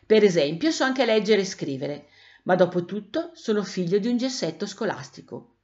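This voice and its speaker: A thin little voice belongs to a lame chalk-drawn cat, put on by a woman storyteller, chatty and wise, with a slight cough. Its pitch rises and falls in lively swings. The recording sounds muffled and lo-fi. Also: moderate pace, natural voice. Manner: friendly, explaining. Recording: dull lo-fi recording.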